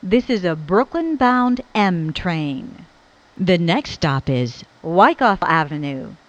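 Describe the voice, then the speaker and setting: Slow, stitched-together female train announcer, dull sound. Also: on the low side, sing-song. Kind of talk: recorded transit announcements. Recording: dull lo-fi train speaker recording.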